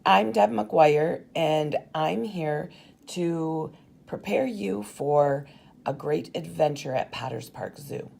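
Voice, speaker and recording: A middle-aged woman teacher giving a slow, careful briefing to parent volunteers, pausing often as she explains. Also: low voice, gravelly, darkish tone. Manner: slow, careful and instructive, with frequent pauses.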